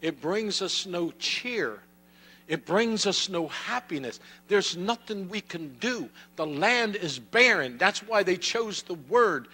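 A man preaching a sermon in a slow, drawn-out delivery. His voice sits high and rings bright and sharp, repeating phrases as he presses each point. A low electrical hum runs under the recording. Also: animated, husky. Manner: preaching with rising fervor, repetitive cadence. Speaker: pastor.

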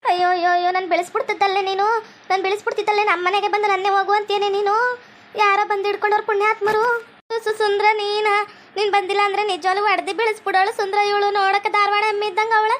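A woman's voice: very high voice, flat delivery, very fast, background noise. A woman playing a husband who acts and dresses as a woman, coy and whiny.

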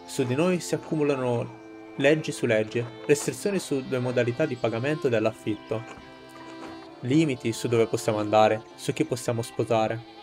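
Guy reading angry peasant leader giving a solemn speech to villagers, game dialogue, soft music behind. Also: medium pitch, normal speed, close to an everyday voice. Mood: solemn grievance. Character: indignant male peasant leader rousing a village crowd. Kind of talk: game dialogue read aloud.

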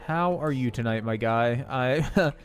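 Speaking at medium pitch and taking his time, a man comments casually on a game he's streaming and chats with viewers, laughing frequently. A slightly stuffy nose colors his voice, with faint music behind him.

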